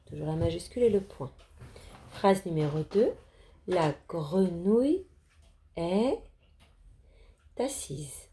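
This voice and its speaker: Slow, sing-song woman teaching children. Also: medium pitch, dark tone. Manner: cheerful, encouraging. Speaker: primary school teacher. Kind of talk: reading lesson for young children.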